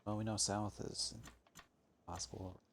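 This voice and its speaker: Male gaming streamer, low gravelly voice, mutters and swears while he plays. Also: little pitch movement, unhurried, fairly bright tone, slight background noise. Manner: grumbling, swears often, thinks aloud. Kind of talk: casual gameplay commentary.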